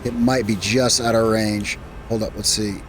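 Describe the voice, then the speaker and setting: A man hosting a gaming channel chats about his gameplay in a casual, rambling manner, often correcting himself partway through. His lowish voice keeps a fairly even intonation at normal speed, with noise in the background.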